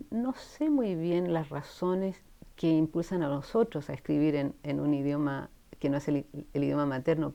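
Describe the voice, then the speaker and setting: Gravelly low-voiced Chilean-born woman in her sixties. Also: warm tone. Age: 60s. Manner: thoughtful, with frequent restarts and trailing asides. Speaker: guest writer. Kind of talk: casual interview conversation. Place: university room, in person.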